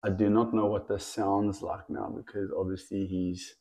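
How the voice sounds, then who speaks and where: A man showing off a lively python outdoors on camera, chatty and laughing, talking to the snake as it wraps around his clip-on mic. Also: low-pitched, moderate pace, rough recording. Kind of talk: casual hands-on video chat. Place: outdoors in the sun. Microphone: clip-on mic the snake keeps wrapping.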